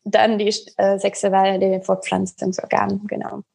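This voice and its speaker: Woman with German, gravelly and husky. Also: medium pitch, completely flat delivery, darkish tone. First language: not German; speaks German as a second language. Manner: halting, searching for words, with non-native grammar. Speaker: health coach as podcast guest. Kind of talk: conversational explaining on a podcast.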